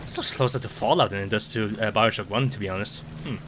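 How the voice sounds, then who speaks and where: A man's voice: fairly low pitch, fast, noisy background. A young man streaming a video game, rambling in casual commentary with sarcasm, frequent swearing and stammered restarts.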